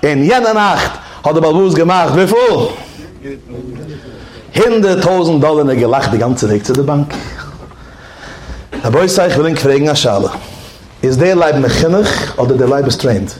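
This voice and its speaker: A man telling a story in a lively way, acting out roars and shouts and mixing English words into his speech. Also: on the high side, fairly quick, roomy sound. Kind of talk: animated storytelling.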